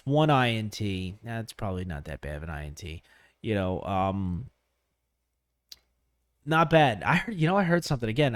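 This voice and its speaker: A man's voice: medium pitch, smooth, dry recording, clean studio sound. Rambling man on a sports podcast. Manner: rambling, frequent fillers and restarts. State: sniffly from allergies. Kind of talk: casual solo sports talk. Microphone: close studio microphone.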